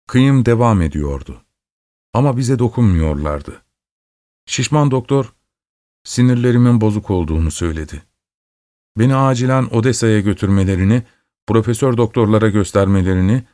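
A man reading a literary story aloud in steady, measured scripted narration. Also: mid-range voice, dry recording, clean studio sound. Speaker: audiobook reader.

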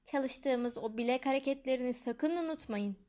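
A tiny, excitable old wizard teacher, put on by a woman reading aloud, squeaks out each instruction slowly and firmly. The high voice comes through a dull, lo-fi recording. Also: lightly acted. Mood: instructing. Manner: squeaking, slow and emphatic.

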